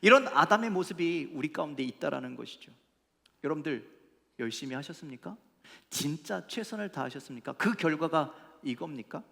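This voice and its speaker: Gravelly, high-pitched preaching man. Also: expressive, a little fast, a bit bright. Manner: emphatic preaching with rhetorical questions to the congregation. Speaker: pastor. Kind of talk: sermon. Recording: echoey church hall.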